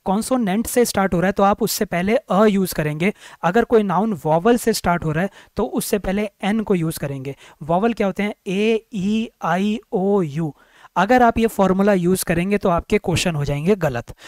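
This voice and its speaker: A man teaching English grammar for exam preparation, repeating words slowly, sounding out each vowel and answering his own questions. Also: sits high, a little mellow, dry recording. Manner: asks questions then answers them himself. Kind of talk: exam-prep grammar lecture.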